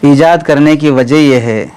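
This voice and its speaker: A man teaching Arabic grammar, explaining step by step, asking students questions and often clearing his throat. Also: medium pitch, a little mellow, a little hiss or hum. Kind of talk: classroom lecture.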